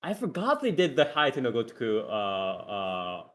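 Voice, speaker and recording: A man's voice: mid-range voice, huge pitch swings, a little hiss or hum. Chuckling man in casual podcast chat. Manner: laughing often, quick asides. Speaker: podcast co-host.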